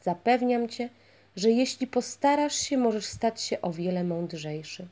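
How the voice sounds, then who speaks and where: A woman voicing a wise, kindly old wizard who speaks gently and patiently, in a storybook reading. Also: a little high, lively intonation, unhurried.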